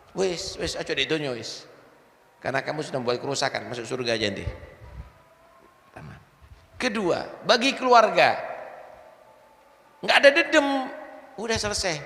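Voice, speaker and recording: A man preaching, his voice bright and gravelly as it leaps up and down in animated bursts. He keeps checking that the listeners follow him. The recording carries the long echo of a large hall with faint ambience behind. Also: a little high. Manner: animated preaching, mixes in Javanese words, asks "paham ya?". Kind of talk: sermon.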